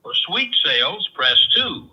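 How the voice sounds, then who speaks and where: A man's voice: on the high side, a little slow, a loud crowd. A man's recorded phone menu voice reading menu options, played down a phone line and re-recorded through a speaker. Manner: even, recited menu prompts. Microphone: phone held up to a studio microphone. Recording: tinny phone audio played over a speaker from afar.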